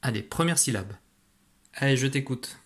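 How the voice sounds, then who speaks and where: A man teaching French letter sounds to young children in a patient, encouraging way, slowly spelling out letters and syllables and praising the listener. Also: mid-range voice, lively intonation, husky. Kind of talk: phonics lesson for young children.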